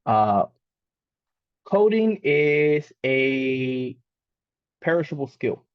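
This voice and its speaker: Very slowly, in a clear, resonant, medium-pitched voice with a sing-song quality, a coding instructor leads a live lesson. Born in Mexico and a native Spanish speaker, he rambles casually with many fillers and restarts. The audio is dull and lo-fi, with no room sound.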